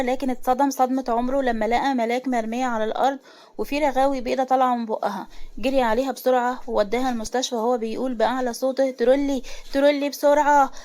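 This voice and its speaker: Speaking with an Egyptian Arabic accent, this woman tells a dramatic love story at a quick, emotional pace and voices each character's quotes with feeling. Her pitch is on the high side, her tone darkish.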